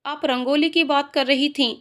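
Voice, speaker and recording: A woman's voice: sits high, steady tone, moderate pace, fairly bright tone. A woman voicing a mischievous, anxious young village girl in a storybook reading. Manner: pleading, flustered.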